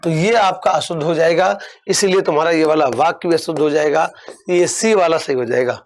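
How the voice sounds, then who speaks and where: High-voiced man teaching an online exam-prep class. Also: slight background noise. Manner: coaxing, repeats words slowly and calls students "bachche".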